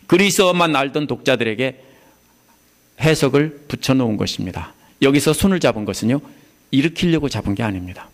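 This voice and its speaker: Animated middle-aged Korean pastor preaching. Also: male voice, mid-range voice, brisk. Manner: expository preaching that bursts into acted-out quotations. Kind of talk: sermon.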